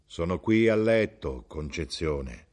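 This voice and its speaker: A man playing a sick, bedridden peasant who speaks slowly in a low, hollow voice. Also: expressive, darkish tone, exaggerated voice. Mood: weary. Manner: slow, low, hollow from far off.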